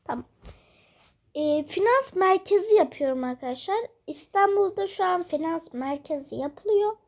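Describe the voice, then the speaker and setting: A young female gamer, sick and coughing, chatting quietly from her bedroom while she plays, rambling with lots of fillers. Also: extremely high pitch, lively intonation, normal speed. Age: school-age. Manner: rambling, many fillers, self-amused. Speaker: gaming vlogger. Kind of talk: casual let's-play chat. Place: bedroom at home.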